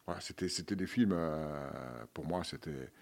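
A man's voice: very deep voice, a little slow, gravelly, a little mellow. A man answering questions as a guest on a radio show, hesitant, with many fillers and repeated words. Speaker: guest, charity volunteer.

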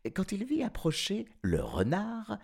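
A man telling a children's storybook tale with a playful, lively manner. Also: high voice, a little slow, vocal fry, breathy edge. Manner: lively, playful, laughing asides. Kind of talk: storybook reading.

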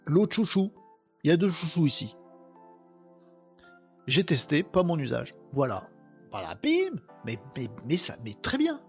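A man's voice: a little high, big pitch swings, measured pace, long pauses, darkish tone, muffled recording, soft background music. A man with a ch'ti accent hosting a live podcast, chatting casually and joking with his viewers. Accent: Picard (ch'ti) traces. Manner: chatty, self-mocking, talks to chat viewers. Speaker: podcast host. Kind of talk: casual live-stream chat.

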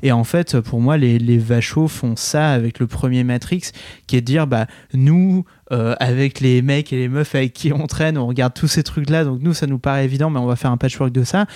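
A man's voice: mid-range voice, normal speed, warm tone, dry recording. Hesitant French man, dry close sound. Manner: hesitant, many fillers and restarts. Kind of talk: casual film discussion.

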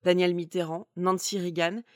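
A woman's voice: on the low side, little pitch movement, moderate pace, no echo, studio quality. A woman hosting and telling stories from a script in a conversational manner with wry asides. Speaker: podcast host. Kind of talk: semi-scripted storytelling narration.

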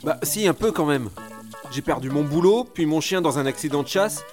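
A man's voice: fairly high pitch, lively intonation, moderate pace, faint music behind, lightly acted. An actor playing a naive, hapless young man who keeps having bad luck. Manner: naive, plaintive, shouting in panic. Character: hapless young male drug mule, endlessly unlucky.

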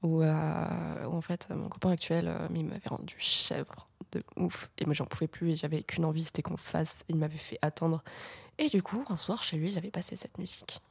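Young woman, podcast guest, casual chat, lowish voice, dry sound, hesitant fillers. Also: a little fast, vocal fry, breathy edge, no echo. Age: 20s. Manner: relaxed, hesitant with many fillers.

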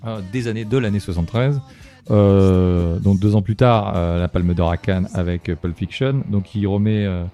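A man's voice: on the low side, normal speed, dark tone, soft background music. A man chatting casually about film as a podcast co-host, hesitant with many fillers and restarts, tired late at night.

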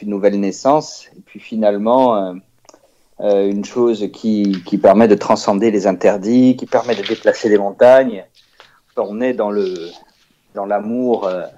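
Mellow, halting male philosophy teacher. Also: lowish voice, lo-fi sound. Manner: halting, reflective, many fillers. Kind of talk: radio talk show.

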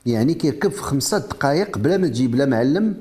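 A man's voice: medium pitch, lively intonation, very fast, mellow. A man with a Moroccan Arabic accent explaining and demonstrating a product in an interview, mixing French technical terms into his speech. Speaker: inventor presenting a product.

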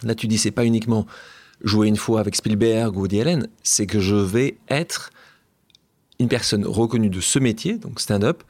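Male interviewer, chatty, jumps in to finish lines, fairly low voice, dry room. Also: moderate pace, darkish tone, no echo. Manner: chatty, finishes guest's sentences. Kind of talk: interview questions.

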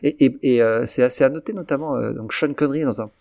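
A man's voice: medium pitch, a little fast, vocal fry, a little mellow. A man co-hosting a film podcast, giving blunt opinions with frequent stammering restarts. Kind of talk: casual film review chat.

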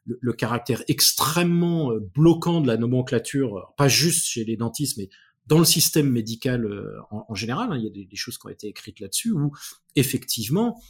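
A man's voice: medium pitch, expressive, a little fast, breathy edge. A man speaking as an expert guest in an interview, explaining ideas thoughtfully with frequent restarts and repeated words.

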